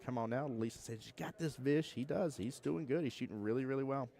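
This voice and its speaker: A warm, gravelly, mid-range voice belongs to a young man from Georgia, USA, who talks a little fast in a Southern accent. While covering a pool tournament on a live stream, he jokes with viewers in a laid-back style.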